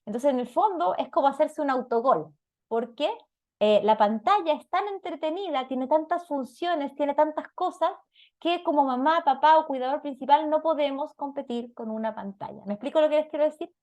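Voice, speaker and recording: A parenting lecturer with a Chilean Spanish accent explains her topic in a high, slightly mellow voice at a moderate pace. She teaches didactically and keeps pausing to ask short questions.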